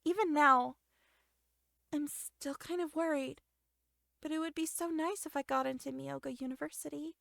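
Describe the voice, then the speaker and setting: A shy, earnest young heroine from a romance game speaks in a soft, wistful voice that sits high and bright, as a woman plays her. The sound is dry and close, with a slight gravelly texture. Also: fairly even intonation, moderate pace, long pauses, no room sound. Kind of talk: game dialogue voice acting.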